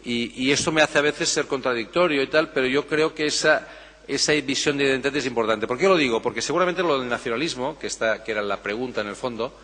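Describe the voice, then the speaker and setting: A man with an average-pitched voice answers a question at a conference, in the easy, thinking-aloud way of a professor. He keeps checking in with his listeners through little tag questions and often starts a sentence again. A long reverb trails after his words in a big hall. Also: fast, a bit bright. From Catalonia, Spain. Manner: thoughtful, tags phrases with "¿no?", frequent restarts. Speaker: political science professor, conference speaker.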